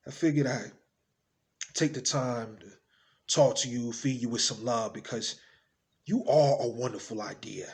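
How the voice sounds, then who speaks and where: In a theatrical monologue, a man plays a father-to-be talking tenderly, playfully and earnestly to his unborn child in an intimate, conversational way, shifting between hushed and exuberant delivery. His voice is medium-pitched with vocal fry, his pace measured, with long pauses. The mood is loving.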